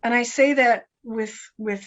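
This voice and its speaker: A woman guest telling a personal story in an interview, animated, often repeating herself and acting out what others said. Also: fairly high pitch, unhurried, lo-fi sound. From Canada. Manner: animated, repeats herself, acts out quoted voices.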